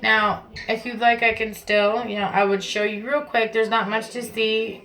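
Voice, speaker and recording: A woman's voice: on the high side, little pitch movement, moderate pace, fairly bright tone, rough recording. A woman vlogger talking casually and informally to camera, explaining things in a chatty way from her bathroom at home. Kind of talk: casual vlog talk to camera.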